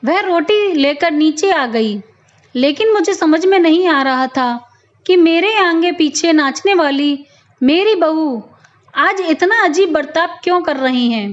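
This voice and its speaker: A woman storyteller reads a first-person moral tale gently and thoughtfully. Her voice sits very high and moves slowly. The recording is slightly dull and lo-fi. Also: lively intonation.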